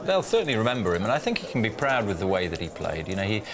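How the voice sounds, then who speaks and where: A man's voice: fairly low pitch, sing-song, very fast. A man giving chatty poker punditry, hedging with fillers. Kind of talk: sports punditry. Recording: crowd noise in the venue.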